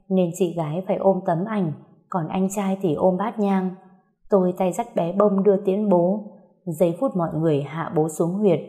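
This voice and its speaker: A woman narrating a first-person ghost-story website tale in a measured, sorrowful way. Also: mid-range voice, warm tone.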